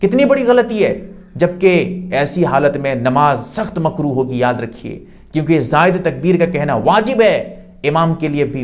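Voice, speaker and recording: A male Islamic scholar explaining prayer steps patiently, step by step, often asking and answering his own questions. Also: on the high side. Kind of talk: religious instruction.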